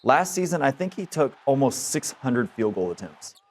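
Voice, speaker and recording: A man's voice: medium pitch, very animated, normal speed, darkish tone. A man co-hosting a sports radio show, making his points emphatically. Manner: emphatic and argumentative. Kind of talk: casual sports analysis.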